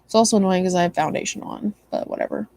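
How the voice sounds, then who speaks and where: A woman's voice: medium pitch, very fast, a little mellow, dry recording. A tired young woman chatting casually with her stream viewers, rambling with many likes and ums. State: tired, yawning. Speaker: livestream host.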